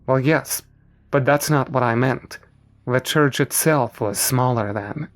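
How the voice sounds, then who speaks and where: A man's voice: mid-range voice, unhurried, close to an everyday voice. A man voicing a grim, serious older teenage boy in a horror story.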